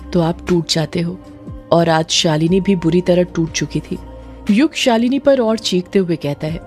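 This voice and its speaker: A woman's voice: medium pitch, darkish tone. Woman narrating a dramatic story.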